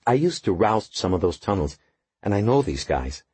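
A man's voice: on the low side, very animated, moderate pace, darkish tone, slightly rough, no room sound. A man reading an audiobook, voicing a streetwise female police officer who speaks firmly and directly.

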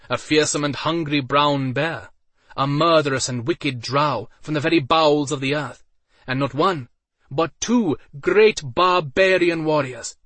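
A man voicing a flamboyant male arena master who hypes the crowd in a booming, theatrical voice. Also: a bit bright, no echo. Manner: booming, theatrical announcer cries.

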